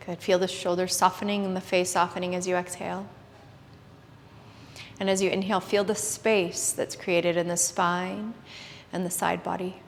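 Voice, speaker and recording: A woman yoga instructor giving guided relaxation in a soft, hushed, gentle and soothing voice, with pauses. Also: fairly low pitch, flat delivery, gravelly, slight background noise. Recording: reverberant hall-like room echo.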